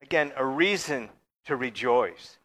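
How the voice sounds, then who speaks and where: A man's voice: mid-range voice, lively intonation, measured pace, pushed and bright. A man preaching a conversational sermon in church, sometimes joking with the congregation. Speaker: pastor.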